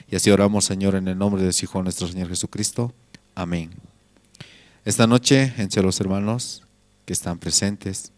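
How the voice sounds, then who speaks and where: A man's voice: sits low, a little mellow, no room sound. A man with a Bolivian Spanish accent leading a spoken prayer, saying "Lord" between every phrase. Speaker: pastor leading prayer service.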